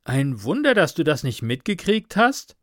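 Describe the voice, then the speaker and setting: A man voicing a brash young man who banters loudly with his friend. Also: on the high side, big pitch swings, normal speed, no echo, studio quality, pitched above the performer's own voice. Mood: bantering.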